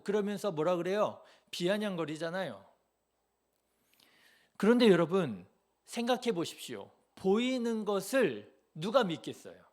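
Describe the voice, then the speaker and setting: A male pastor preaching a Sunday sermon in a church, who keeps putting rhetorical questions to the congregation. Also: sits high. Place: church sanctuary.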